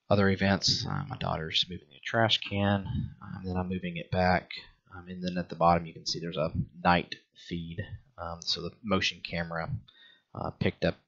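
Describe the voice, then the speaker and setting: With a voice that sits low yet sounds a bit bright, a middle-aged man reviews a product in a casual step-by-step walkthrough. He hesitates and halts as he explains, and the audio is dull.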